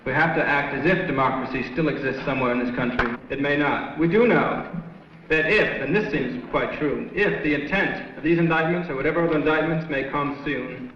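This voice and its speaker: Male speaker, higher-pitched, earnest and reflective, heavy room echo, dull vintage newsreel audio. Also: fairly quick, fairly bright tone, slight background noise. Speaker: anti-war speaker. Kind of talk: public speech. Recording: very echoey, distant, dull newsreel sound.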